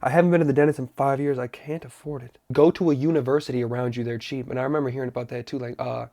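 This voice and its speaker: A man's voice: mid-range voice, steady tone, racing, warm tone. An American man giving casual, off-the-cuff commentary as a reaction host, blunt, profane and mocking in manner. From United States.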